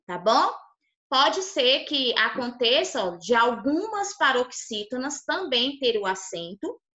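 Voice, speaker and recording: A young woman teacher with a Brazilian Portuguese accent leads a lesson for small children. Her voice is bright and slightly high. She is patient and checks their understanding at every step. The recording has a roomy echo. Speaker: primary school teacher. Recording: echoey room.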